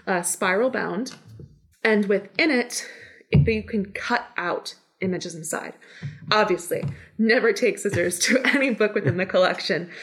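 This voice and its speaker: A woman's voice: medium pitch, measured pace, fairly bright tone. A woman explaining things informally and enthusiastically as an interview guest, on a meeting room mic in a conference room. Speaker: podcast guest, special collections manager. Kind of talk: casual explanatory interview chat.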